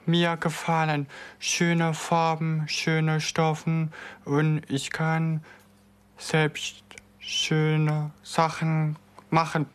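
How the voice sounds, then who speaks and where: Slow, flat-voiced young woman. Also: low-pitched. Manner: slow, careful, simple wording. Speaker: apprentice. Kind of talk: interview answers.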